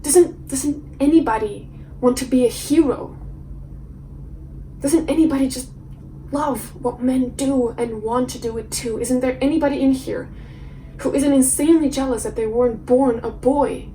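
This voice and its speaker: A woman's voice: sits high, steady tone, normal speed, mellow, slight background noise, natural voice, rough recording. An actress playing a defiant woman who delivers a dramatic monologue of mounting rhetorical questions. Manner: building, impassioned rhetorical questions. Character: defiant woman who resents being seen as nice. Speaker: actor in a showreel scene.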